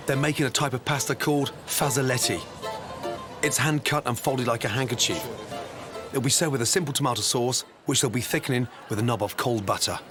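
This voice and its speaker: A man's voice: medium pitch, a little fast. A British man reading scripted TV cookery narration in a clipped, emphatic way. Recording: voice-over with music behind.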